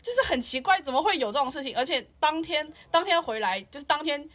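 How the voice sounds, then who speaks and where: A woman's voice: sits high, expressive, fast, a bit bright. A woman in casual chat, ranting and slipping in English phrases. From lives in Shanghai.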